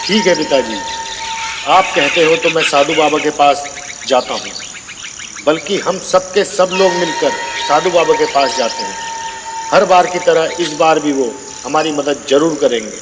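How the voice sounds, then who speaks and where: A man's voice: a little high, unhurried, lightly acted. A man voicing a worried, earnest and respectful young village son in a storybook tale. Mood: resolved. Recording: long reverb, clear background noise.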